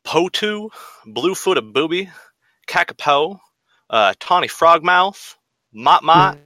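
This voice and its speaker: A man reading a list in a deliberately bad, put-on American Southern accent, drawing the words out. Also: on the high side, lively intonation, sharp tone, dry recording, heavily acted. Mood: mock-serious. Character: man reading a list in an exaggerated hick drawl.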